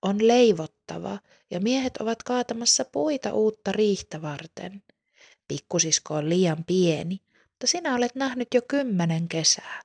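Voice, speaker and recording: A woman reading the lines of a gentle, patient peasant mother in a soft, reassuring way. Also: mid-range voice, expressive, gravelly, husky, voice pushed up.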